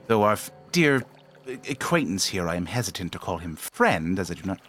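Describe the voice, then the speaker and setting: A man's voice: low-pitched, big pitch swings, fairly quick, a bit bright, faint music behind. A man playing a tabletop game, speaking in character in a formal, wary way. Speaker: player. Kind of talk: in-character roleplay.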